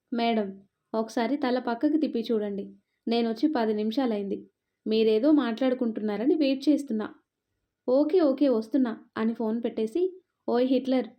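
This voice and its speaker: A woman narrating a love story and acting out every character's lines with expressive delivery. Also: fairly high pitch. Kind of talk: scripted story narration with acted dialogue. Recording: dull lo-fi audio.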